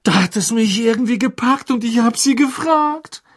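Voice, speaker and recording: A man voicing a panicked, clumsy teenage boy wizard in a pitched-up, strained, husky voice. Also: normal speed. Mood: distraught.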